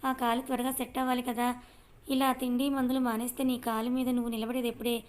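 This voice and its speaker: A woman's voice: fairly high pitch, flat delivery, fast, a little mellow, lightly acted. A woman voicing a caring older mother who coaxes her grown daughter tenderly in an audio story. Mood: coaxing. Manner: coaxing, tender.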